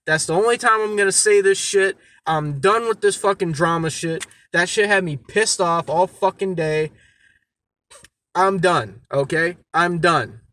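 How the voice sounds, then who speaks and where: A man's voice: a little high, pushed and bright. A man, giving a blunt, exasperated, swearing rant to camera from inside a car. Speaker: YouTuber addressing his audience.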